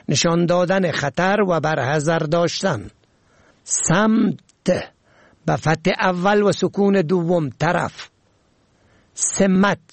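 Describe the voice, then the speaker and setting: High, gravelly-voiced man teaching carefully. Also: no echo. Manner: slow, precise, deliberate enunciation. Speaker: language teacher. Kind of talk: scripted educational reading.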